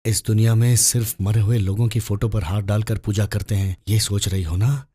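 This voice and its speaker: An actor dubbing a heartbroken young hero who speaks with emotion and reproach. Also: male voice, fairly low pitch, little pitch movement, normal speed, warm tone, slightly rough, dry recording, clean studio sound. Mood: tender. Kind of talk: Hindi-dubbed film acting.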